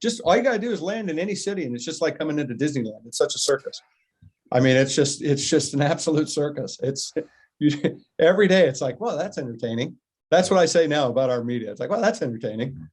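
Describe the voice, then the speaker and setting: An American man in fast, upbeat conversation as a podcast host, piling on jokes and enthusiasm. His voice sits a bit high, and he talks quickly with loose, rambling restarts. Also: animated, a little mellow, husky. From United States. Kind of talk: casual chat.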